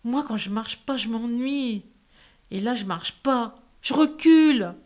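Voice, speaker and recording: Actress as fed-up bored woman, fairly high voice, clipped, insistent, repetitive, theatrical dialogue. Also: animated, unhurried. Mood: bored, emphatic. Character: restless, irritable, bored woman fed up with theatre and hospital visits. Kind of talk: stage-play dialogue.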